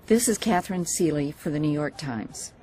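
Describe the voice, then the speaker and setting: A woman correspondent delivering a scripted news report in an even, explanatory tone. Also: low-pitched, moderate pace, a crowd in the background, background noise.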